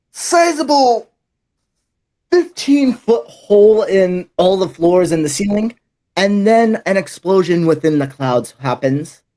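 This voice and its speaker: A man's voice: high-pitched, warm tone. A man narrating as dungeon master in a tabletop role-playing game, with hesitant fillers.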